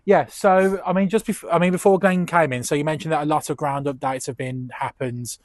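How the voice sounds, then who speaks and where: A man's voice: on the high side, brisk, no echo. A man interviews in a casual, matey style. The sound is quite dry, and his phrasing is colloquial and chatty. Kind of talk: casual on-location interview chat.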